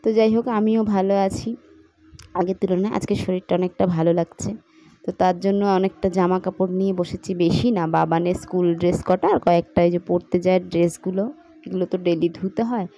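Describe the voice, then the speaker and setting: A woman in her thirties, a vlogger and mother, chats casually and quickly to viewers while going about her day at her rural home and courtyard on a hot day. Her voice is low, mellow and fairly flat in pitch, with no room sound. Traffic, passing vehicles and other outdoor ambience fill the background.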